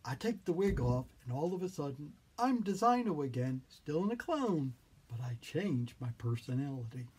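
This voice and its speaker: A clown giving an informal, playful and theatrical demonstration in a silly, whimsical, rambling way, with a husky voice and repeated phrases. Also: medium pitch, very animated, moderate pace, noisy background. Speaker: clown teaching wig and costume styling.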